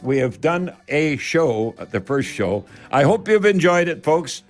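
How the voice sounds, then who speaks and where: An older man with a Canadian accent hosts a live home improvement radio show, offering product tips in a folksy, rambling way and repeating words for emphasis. His voice is fairly high and very animated yet unhurried, with soft music in the background.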